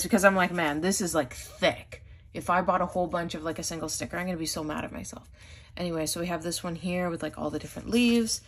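Chatty woman with a low voice and the hiccups. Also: a little hiss or hum. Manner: chatty, says "like" often, gushing over items. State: has the hiccups. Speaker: haul vlogger. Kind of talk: casual unboxing chat.

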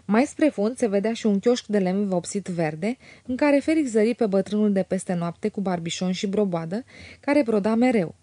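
A woman narrating a classic novel as an audiobook in a measured, even way. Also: mid-range voice, no room sound.

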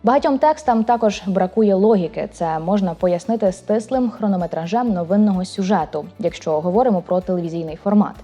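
A woman hosting a language program, reading a scripted narration with clear, deliberate delivery of word examples. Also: mid-range voice, mellow, lo-fi sound, soft background music. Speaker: program host.

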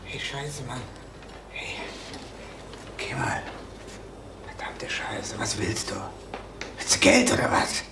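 A man's voice: medium pitch, very animated, takes it slowly, long pauses, echoey room, far from the mic. An actor playing a cornered, frightened man in a TV crime drama, whispering in agitated anger and cursing under his breath. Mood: whispered angry fear. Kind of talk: television crime drama acting.

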